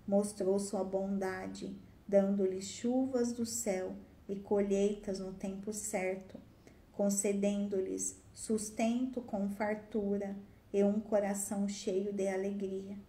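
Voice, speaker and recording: A woman's voice: medium pitch, level tone, slow, mellow. A woman voicing a male apostle who pleads earnestly with a crowd. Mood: earnest pleading. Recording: roomy echo.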